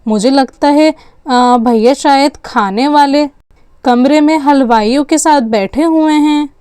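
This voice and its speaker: A woman's voice: high-pitched, takes it slowly, mellow, dry recording, studio quality. A woman voicing a chatty young aunt in a doll story, eager and persuasive. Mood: coaxing. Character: young sister-in-law aunt, chatty and bossy. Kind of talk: storytelling with dolls.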